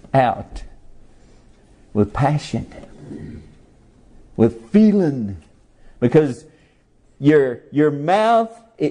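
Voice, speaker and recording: A middle-aged man preaching a folksy sermon, his pitch leaping and falling widely as he talks. His voice is dark and mellow, with plain-spoken rural phrasing. Now and then he rises to a loud cry on a key word. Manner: impassioned, rises to loud cries on key words.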